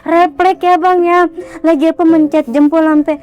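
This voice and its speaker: A young woman excitedly telling a ghost story, acting out the voices of the people in it. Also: very high voice, moderate pace. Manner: excited, animated, acts out quotes. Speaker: guest storyteller.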